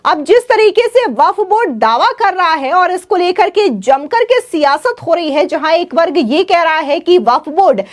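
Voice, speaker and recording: A woman's voice: very high-pitched, expressive, normal speed, few pauses. A woman news anchor reading a formal, scripted voice-over.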